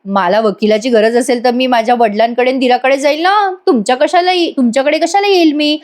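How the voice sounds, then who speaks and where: A woman voicing a scheming young wife who talks her way out of trouble in slow, drawn-out, pleading lines. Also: high-pitched, natural voice. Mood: evasive.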